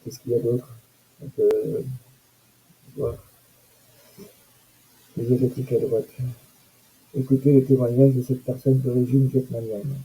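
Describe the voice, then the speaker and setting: A man's voice: medium pitch, level tone, measured pace, long pauses, warm tone, slightly rough, rough recording. A man giving casual, sarcastic commentary on news items and comments, with mocking asides.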